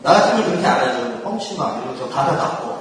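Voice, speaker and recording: A man's voice: medium pitch, lively intonation, fast, noisy background. A man giving a casual faith talk to a group, often laughing and acting out quoted prayers and thoughts. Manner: laughs often while talking. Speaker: speaker at a church gathering. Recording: echoey hall from far off.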